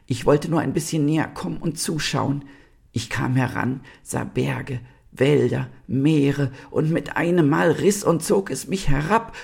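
A man's voice: medium pitch, a little mellow, breathy edge, voice pushed up. A man voicing a sorrowful fallen star. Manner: plaintive, wailing. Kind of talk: storybook reading.

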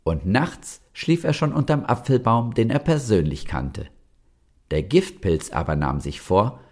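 Casting: male storyteller for kids, deep and lively, husky. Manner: lively, addresses children directly. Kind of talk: reading a children's story aloud.

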